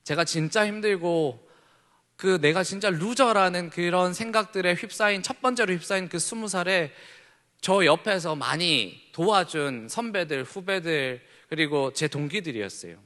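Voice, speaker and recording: A man in his thirties preaching a sermon to teenagers as youth pastor, moving between hushed, soft remarks and loud, fervent exclamations. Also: high-pitched, normal speed. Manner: animated, swings between hushed asides and loud shouted slogans. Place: church sanctuary. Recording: long hall reverb.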